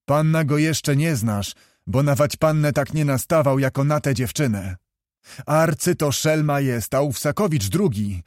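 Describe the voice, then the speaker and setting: A man voicing a hearty old nobleman with a huge mustache in a read storybook, given to booming, fervent exclamations. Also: unhurried, no room sound, clean studio sound, close to an everyday voice.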